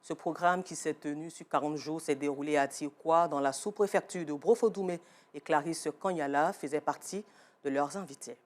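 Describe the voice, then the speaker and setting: Female news anchor, Ivorian French accent, steady read with hesitations. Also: deep voice. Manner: measured, with frequent hesitations.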